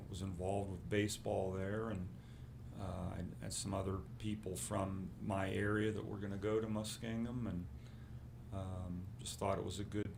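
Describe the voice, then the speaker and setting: An older man from Ohio, a basketball coach answering interview questions in a halting way, with many fillers and restarts. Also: fairly low pitch, creaky, noisy background. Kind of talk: casual interview.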